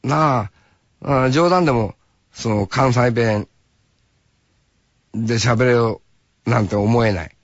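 A man hosting a radio show in a casual, drawling, folksy way, often tacking a rough "nah" onto his sentences. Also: medium pitch, takes it slowly, long pauses, no echo, muffled recording. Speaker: radio host.

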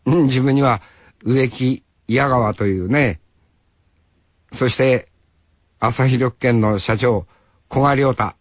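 A man's voice: mid-range voice, slow pace, long pauses, no room sound, muffled recording. A man in his sixties from Hokkaido, hosting a radio show with a rambling, folksy monologue that he speaks straight to the listener. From Hokkaido, Japan. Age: 60s. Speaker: radio host.

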